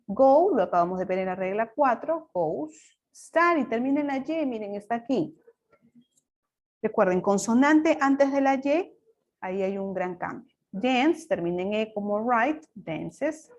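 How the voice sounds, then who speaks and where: A woman teacher walks through grammar rules in a recorded lesson. She explains patiently, one step at a time, and checks often with "ok?" in a fairly high voice. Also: lively intonation, a little slow, dull audio. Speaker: English teacher.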